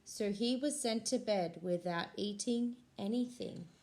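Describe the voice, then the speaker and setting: Slow-reading school librarian. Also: female voice, mid-range voice. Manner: slow, expressive storybook reading. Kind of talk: reading a picture book aloud to children.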